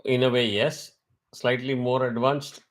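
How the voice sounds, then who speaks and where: A man's voice: mid-range voice, level tone, measured pace. A man teaching a weekly Vedic class over a video call. He explains step by step and asks his students questions.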